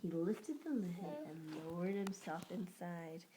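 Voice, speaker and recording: A woman reading a picture book aloud to young children in an animated way, pausing to ask them questions. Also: lowish voice, noisy background. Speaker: storybook reader.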